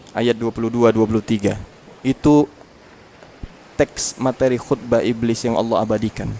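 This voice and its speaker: A man's voice: medium pitch, mellow, a little hiss or hum. A male Islamic preacher giving a study lecture, chatty and joking with the congregation, reciting Arabic passages between his explanations.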